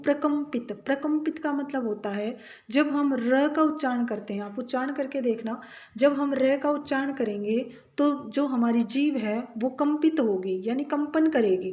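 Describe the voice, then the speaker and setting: A woman's voice: fairly high pitch, darkish tone. A woman teaching a grammar class, patiently repeating each point and calling her students "beta". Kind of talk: grammar lesson.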